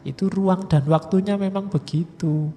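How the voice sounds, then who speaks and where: A man with a Javanese accent giving a relaxed, conversational philosophy lecture, slowing down for emphasis. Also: high-pitched. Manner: relaxed, conversational, with mock quotes and slow emphasis. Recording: hall reverb with faint music.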